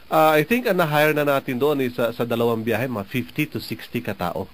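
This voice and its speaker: A man's voice: medium pitch, brisk, slight background noise. A man from the Philippines hosting a program, giving casual advice to listeners in a chatty way, often tagging "no?" onto his sentences. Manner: chatty, often adds "no?" and laughs. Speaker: radio program host.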